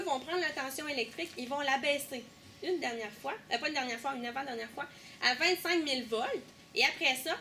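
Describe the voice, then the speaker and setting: A young woman with a Québécois accent guiding a tour group through an underground power station, lively, asking questions and teasing. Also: high-pitched, slight background noise. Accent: Québécois French. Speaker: tour guide. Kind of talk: guided tour explanation.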